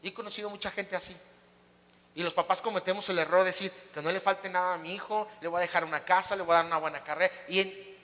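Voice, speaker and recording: High, bright-voiced emphatic pastor. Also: male voice, long reverb tail. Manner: emphatic preaching with rhetorical questions to the congregation. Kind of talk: sermon. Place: church.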